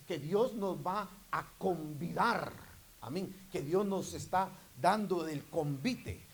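A man preaching a sermon to his congregation, repeatedly calling out to them and rising into loud, emphatic bursts. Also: a little high, rough recording.

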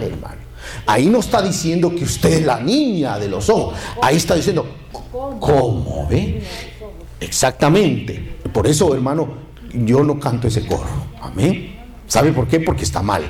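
A man's voice: medium pitch, roomy sound. A man preaching a sermon, calling on the congregation for amens. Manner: lively, calls to the congregation for amens. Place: church.

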